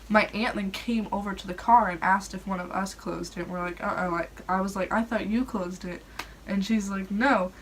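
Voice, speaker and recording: A woman's voice: mid-range voice, low-quality recording. Young woman, casual storyteller, chatty and rambling, mid-range voice, frequent filler "like", noticeable background noise. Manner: chatty, rambling, heavy use of "like". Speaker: storyteller host. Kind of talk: casual storytelling about personal experiences. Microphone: phone propped on a dresser.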